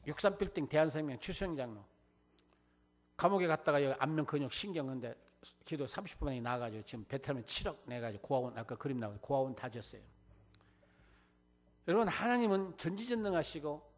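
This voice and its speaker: 교회에서 자신의 간증을 섞어 설교하는 나이 든 남자 목사로, 목소리가 약간 허스키하고 인용하는 사람들의 말투를 생생하게 흉내 낸다. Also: male voice, on the high side. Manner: animated storytelling, acting out quoted voices. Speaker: guest preacher, missionary. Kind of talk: testimony sermon. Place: church.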